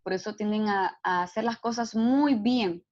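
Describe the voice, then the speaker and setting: A woman's voice: medium pitch, moderate pace, a little mellow, lo-fi sound. A woman giving a psychology lecture, explaining steadily and often checking in with tag questions. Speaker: psychology instructor. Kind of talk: online lecture.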